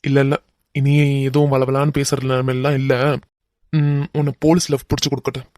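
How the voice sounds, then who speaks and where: A man's voice: mid-range voice, level tone, a little fast, a little mellow, no echo, studio quality, natural voice. A man voicing a hot-tempered young man who mocks and threatens a crook, with a Kanyakumari Tamil accent, in a cartoon. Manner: threatening, mocking.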